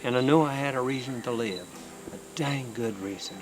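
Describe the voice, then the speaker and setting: In a tender film drama scene, an older man plays a grieving rural grandfather comforting his grandson, pleading with him slowly, gently, and from the heart. His mid-range voice sounds close to everyday speech, and crickets and night noise fill the outdoor background.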